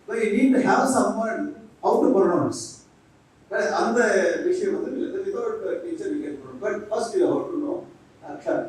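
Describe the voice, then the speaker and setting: A man's voice: sits high, expressive, extremely slow, a little mellow. A man, a monk giving a humorous lecture to teachers, joking and acting out little dialogues. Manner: jokes and acts out little dialogues, switching between English and Tamil. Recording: echoey hall from far off.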